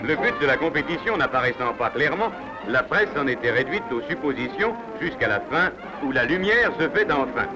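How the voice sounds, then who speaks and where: A man reads scripted 1950s newsreel narration in a formal, declamatory announcer's style, his mid-range voice expressive and fairly quick. Loud music plays over a dull 1950s film soundtrack.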